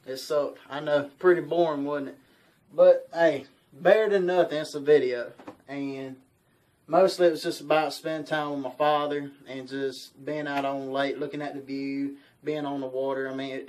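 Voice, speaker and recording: A man's voice: mid-range voice, steady tone, moderate pace, a little mellow. A young man, rambling casually to the camera from a small bedroom. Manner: rambling, folksy, repeats himself. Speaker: outdoors channel host. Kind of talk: casual vlog talk to camera.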